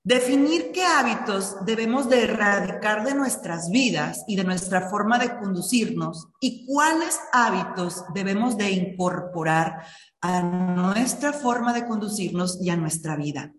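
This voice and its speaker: A woman's voice: medium pitch, animated, measured pace. Middle-aged woman, earnest motivational speaker, recorded in a reverberant room. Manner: earnest, addresses listeners directly. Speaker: speaker on personal finance and habits. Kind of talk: motivational talk. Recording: echoey room with long reverb.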